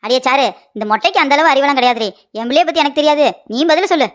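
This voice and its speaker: A woman voicing a sharp-tongued, scolding middle-aged mother-in-law in a cartoon comedy. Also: high voice, lo-fi sound, close to an everyday voice. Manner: rapid scolding and mocking.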